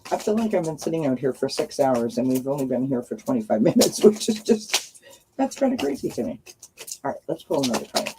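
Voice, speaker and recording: Her voice is very deep and scratchy, with a sing-song lilt and a fairly quick pace. She's a livestream host reading oracle cards beside an outdoor firepit, keeping things casual and friendly with the people watching live.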